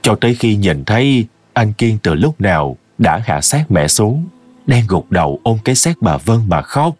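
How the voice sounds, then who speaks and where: A man narrating a scripted horror story in a slow, ominous storytelling manner. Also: on the low side, sing-song, a little mellow, breathy edge.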